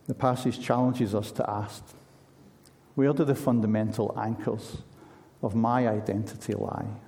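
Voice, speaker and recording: Gravelly, mellow-voiced man preaching. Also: lowish voice, fairly even intonation, measured pace. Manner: earnest, conversational preaching with rhetorical questions. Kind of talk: sermon.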